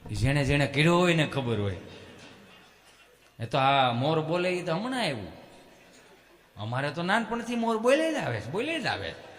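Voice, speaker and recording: A man telling folk humor stories on stage with a Kathiyawadi Gujarati accent, animated and breaking into loud calls. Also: fairly high pitch, moderate pace, long pauses. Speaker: stage comedian. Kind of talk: live folk humor storytelling. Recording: long hall reverb.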